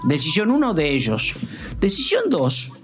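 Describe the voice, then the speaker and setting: Argentine man telling lively stories. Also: fairly high pitch, unhurried, music in the background. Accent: Argentine Rioplatense Spanish. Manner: animated, uses rhetorical questions and acts out quoted dialogue. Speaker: guest, sports journalist. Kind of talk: conversational storytelling in a podcast interview.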